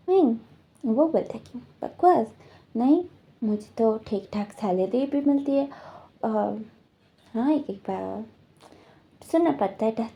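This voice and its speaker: A woman's voice: on the high side, creaky. A woman casually retelling a story, rambling along with frequent fillers and restarts. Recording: dull lo-fi recording.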